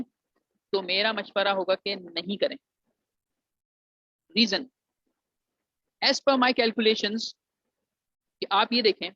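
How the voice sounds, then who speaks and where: A Pakistani man with a high, somewhat bright voice advises students on engineering admissions in an explanatory lesson. He mixes English phrases into Urdu and calls the students "beta," and the recording is dull, dry and lo-fi with no room sound.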